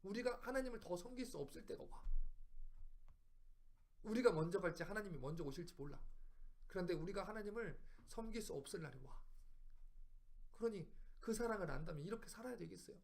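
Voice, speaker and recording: Bible study teacher, male, very high voice, emphatic and repetitive, keeps asking the room questions. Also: expressive, brisk, long pauses, darkish tone. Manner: emphatic, fires rhetorical questions at listeners; repeats phrases for emphasis. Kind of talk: preaching Bible study lesson.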